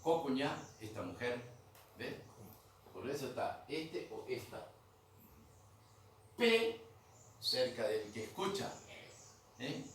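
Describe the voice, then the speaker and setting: A man's voice: medium pitch, a little slow, long pauses, fairly bright tone. A man teaching a grammar class in a museum room, patiently repeating terms and checking that students follow. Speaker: language teacher. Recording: echoey room, mic far off, faint noise.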